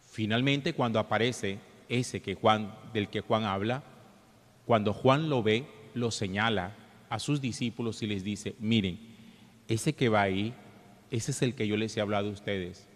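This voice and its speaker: Priest in a cathedral echo, measured and solemn. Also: male voice, lowish voice. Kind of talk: Gospel reading and homily. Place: large church interior. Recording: echoing cathedral-like hall, long reverb.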